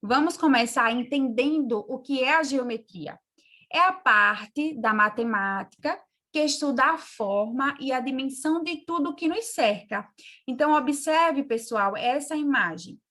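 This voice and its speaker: A woman teacher from Brazil explaining geometry in a remote class, calm and checking in with her pupils. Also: high-pitched, unhurried.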